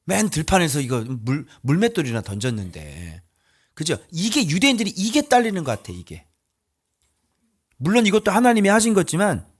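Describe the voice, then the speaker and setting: A man in his fifties preaches a sermon with a voice pitched a little high and a very lively, swooping intonation. He talks in a blunt, conversational way, peppering his lines with quick rhetorical questions to the congregation. He swings from loud, pressing outbursts down to low mutters. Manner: emphatic, colloquial, asks listeners rhetorical questions. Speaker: pastor.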